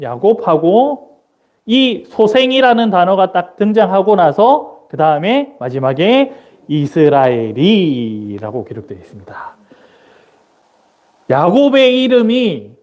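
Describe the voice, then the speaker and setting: A man's voice: high voice, big pitch swings, slow, darkish tone. A man preaching a Sunday sermon as a missionary at a church service on a microphone. He keeps asking the congregation questions and then answers them himself. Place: church sanctuary during a service.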